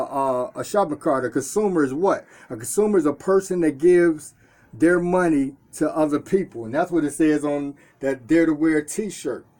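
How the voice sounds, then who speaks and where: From inside his own store, a Detroit man talks casually to the camera he's filming himself with. The voice is fairly high and mellow, the tone earnest, and he frequently repeats words and starts phrases over.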